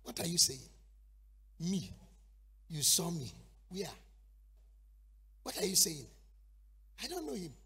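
A man's voice: fairly high pitch, animated, slow pace, pauses often, sharp tone, slightly rough, exaggerated voice. A man voicing a flustered disciple who indignantly denies knowing anyone, protesting partly in pidgin. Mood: defensive. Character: flustered male disciple denying, defensive.

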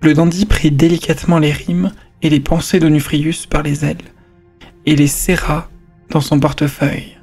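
A man's voice: fairly high pitch, level tone, normal speed, vocal fry, darkish tone, husky, soft background music. A man reading a story aloud on stream, breaking off for casual asides and stumbling over words.

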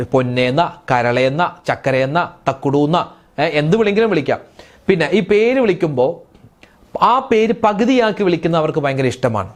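A young man giving a religious talk. He speaks in a friendly way, turns straight to his listeners, and goes soft and low when he quotes prayers. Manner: conversational, addresses listeners directly. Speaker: preacher. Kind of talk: religious speech.

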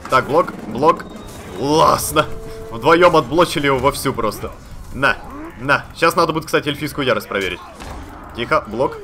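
A man giving chatty, excitable commentary while playing a video game, talking to the characters on screen and swearing casually. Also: medium pitch. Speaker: let's play gamer. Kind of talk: live gameplay commentary.

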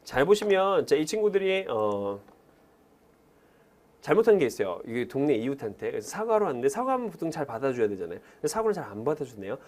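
A man teaching an English lesson in Korean, animated, who keeps urging learners to repeat phrases aloud. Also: mid-range voice, quick pace. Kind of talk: lively classroom lecture.

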